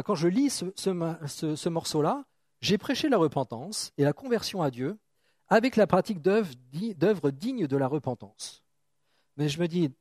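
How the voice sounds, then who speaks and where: A man's voice: fairly high pitch, a little mellow, no room sound, clean studio sound. A middle-aged man from France preaching an informal, joking sermon, thinking aloud with many restarts and asides.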